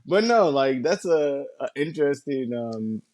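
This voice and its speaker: Animated man telling stories, swearing. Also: medium pitch, measured pace, no room sound. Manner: animated storyteller, swears a lot, says bro. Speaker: podcast co-host. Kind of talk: casual podcast chat.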